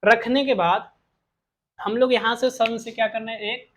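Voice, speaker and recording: A man's voice: very high-pitched, fairly even intonation, unhurried, a bit bright. A male teacher giving a physics lesson, asking rhetorical questions and answering them himself, repeating key terms.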